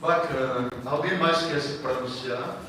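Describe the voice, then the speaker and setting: A man's voice: medium pitch, unhurried, sharp tone. A man, a teacher moderating a panel, speaking in a friendly, informal way to the audience. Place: lecture hall. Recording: echoey hall, distant mic, crowd noise.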